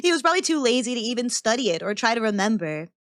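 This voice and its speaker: High-voiced woman, cute anime streamer style. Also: very animated, racing. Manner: giggly, chatty. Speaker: streamer reacting to a video. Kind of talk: casual reaction commentary.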